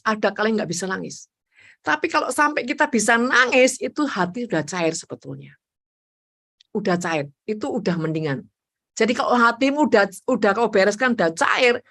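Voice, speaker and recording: A woman evangelist preaching a sermon, emphatic and animated, acting out her own prayers. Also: a little high.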